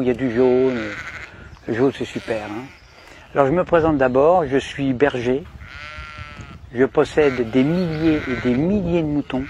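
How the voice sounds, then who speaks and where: A man from DR Congo playing a smug, cunning shepherd in a mock-cheerful satirical monologue with sly, emphatic pitch swings. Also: darkish tone, lo-fi sound, slight background noise, lightly acted. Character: cunning, smug male shepherd boasting of control.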